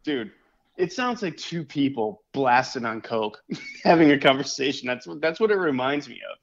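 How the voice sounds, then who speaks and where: A man co-hosts a podcast in loose, casual chat, laughing often and throwing in plenty of "dude" and "man." His voice has a gravelly, creaky edge. The recording sounds slightly dull and lo-fi. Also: mid-range voice, animated, normal speed. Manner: laid-back, laughs often, peppers talk with "dude" and "man". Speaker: podcast co-host.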